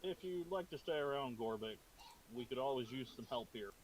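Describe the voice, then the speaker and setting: A man's voice: medium pitch, lively intonation, brisk, a little hiss or hum, poor audio. A man playing a tabletop game, speaking casually in character. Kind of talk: casual in-character role-play.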